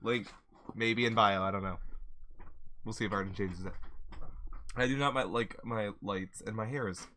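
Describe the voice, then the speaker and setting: Gaming host, male, hoarse and raspy today, low voice with bright edge, loose joking ramble. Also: moderate pace, long pauses, slight background noise. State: dry raspy throat. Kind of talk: casual chat while playing.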